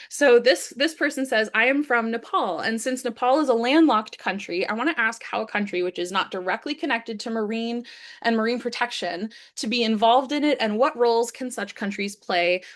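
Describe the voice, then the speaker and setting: A woman's voice: a little high, fairly bright tone. A young woman hosting an online youth training session, enthusiastic and full of fillers. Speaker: webinar host. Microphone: video call.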